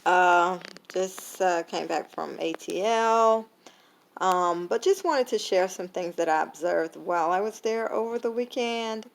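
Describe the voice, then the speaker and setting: This is a tired woman vlogging casually to camera about a faith lesson, saying "um" a lot and retelling a story with quoted dialogue. Her voice is lowish, gravelly and unhurried, and the talk is conversational and reflective.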